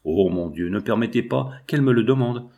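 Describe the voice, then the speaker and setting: A man's voice: medium pitch, animated, a little fast, dull audio, natural voice. A man voicing an anxious, loving mother who pleads in anguish not to lose her daughter, in a storybook reading.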